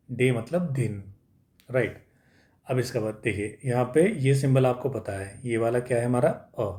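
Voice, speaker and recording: A male teacher walks learners through English pronunciation. He stretches each sound out slowly and patiently before putting the word together. He keeps checking in with his listeners as he goes, at an everyday middle pitch. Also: warm tone. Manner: patient, drawn-out syllable by syllable sounding out; frequent checking-in tags after each point. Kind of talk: spoken English lesson.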